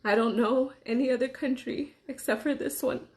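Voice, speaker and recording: A young woman from Los Angeles, speaking earnestly in a personal monologue to camera, pausing between phrases. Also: sits high, fairly even intonation, a little mellow. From Los Angeles, USA. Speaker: vlogger.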